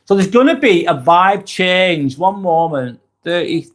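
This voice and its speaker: He's a vlogger from East Lancashire with a Lancashire accent, chatting on a livestream and reading viewers' comments aloud. His voice sits high and unhurried, and his rambling talk is full of ums and restarts.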